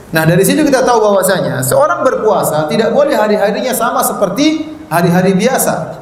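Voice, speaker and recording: A male preacher giving an animated sermon, swinging from loud exhortation to quiet asides and joking, and chanting scripture slowly. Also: high voice. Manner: recites Arabic scripture in a slow chant. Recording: echoey hall with long reverb.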